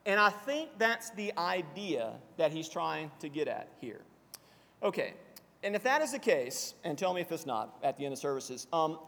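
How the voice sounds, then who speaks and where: A man preaching a sermon to a congregation, explaining scripture in a measured teaching manner and slowing down for quotations. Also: sits high, fairly bright tone. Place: church assembly hall. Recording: long reverb of a church hall.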